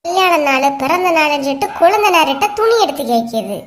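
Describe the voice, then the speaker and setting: A woman's voice: high-pitched, animated, fairly quick. A woman voicing a resentful middle-aged sister-in-law in a cartoon story, complaining through a long list of grievances in a Kanyakumari Tamil accent. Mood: aggrieved.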